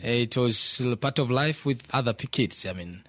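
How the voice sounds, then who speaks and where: Halting male guest. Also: mid-range voice, pushed and bright. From Tanzania. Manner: halting, many fillers and restarts. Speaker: interview guest. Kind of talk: hesitant conversational English.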